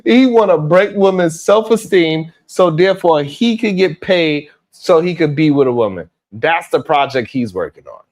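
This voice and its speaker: Forties male panelist on a home stream; animated, high-ish, exasperated, swears mid-thought. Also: moderate pace, hardly any pauses. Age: 40s. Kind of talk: casual panel commentary.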